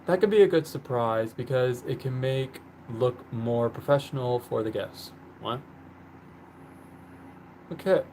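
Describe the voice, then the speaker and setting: Here the same kind of livestream host, born in the country where he lives, chats and rambles with plenty of "like" and "um" fillers while painting on the floor at home. His mid-pitched voice moves at a measured pace and sounds a little mellow, with a faint room hum in the background.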